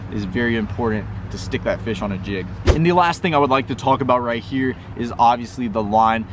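A young man hosting a fishing video outdoors by a pond, explaining techniques in a chatty way with lots of fillers. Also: mid-range voice. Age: young adult. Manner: chatty, fillers like "you know" and "um". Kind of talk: casual outdoor instruction. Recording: outdoor recording with clear background noise.

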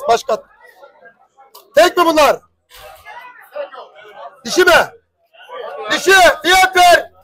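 A young man runs a pigeon auction, calling out prices again and again in a very high, bright voice. His delivery is slow and drawn out, and his throat sounds strained from hours of shouting. He keeps pushing the bidders and begging the room to quiet down. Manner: loud, repetitive price calling, pleading for quiet. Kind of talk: calling bids at a live auction.

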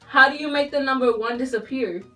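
A woman's voice: sits high, brisk, pushed and bright, far from the mic, soft background music. A young woman, giggly and informal, chatting casually as she reads out riddles to a friend. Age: young adult. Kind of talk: casual riddle game chat. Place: small tiled bathroom.

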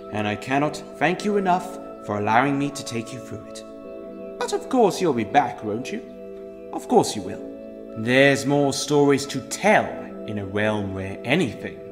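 A man playing a mysterious, grandiose storyteller who addresses the listener with conspiratorial theatricality. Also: mid-range voice. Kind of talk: dramatic anthology narration to the listener. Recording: long reverb under music.

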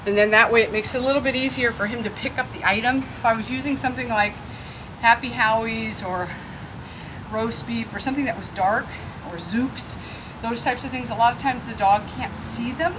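A woman's voice: fairly high pitch, brisk. A woman dog trainer explaining her training methods step by step, outdoors on grass. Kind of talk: instructional explanation. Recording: outdoor background noise.

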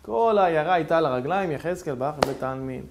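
High-voiced, theatrical storytelling rabbi. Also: male voice, background noise. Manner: animated, theatrical storytelling with sudden swings in loudness. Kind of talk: sermon with dramatic storytelling.

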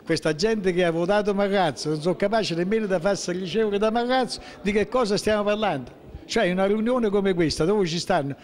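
In his sixties and speaking with a central-southern Italian accent from southern Lazio, this local political figure is caught for an impromptu interview in a public building's hallway. His voice sits high, resonating in a large hall, as a handheld microphone is held toward him. He is emphatic and aggrieved, halting, restarting and piling up rhetorical questions.

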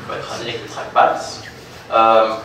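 A young man giving a live product demonstration at a meetup, halting with many fillers and restarts. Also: on the low side, completely flat delivery, fairly bright tone, a little hiss or hum. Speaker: presenter. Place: conference room with audience, projector screen. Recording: very echoey room from a distance.

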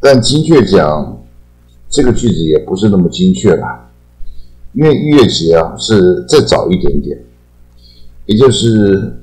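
Older man, Taiwanese Mandarin accent, very deep voice, relaxed chatty teacher who draws out his particles, soft music bed. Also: rough recording. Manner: chatty, drawn-out sentence-final particles. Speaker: English teacher. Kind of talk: casual explanatory lesson.

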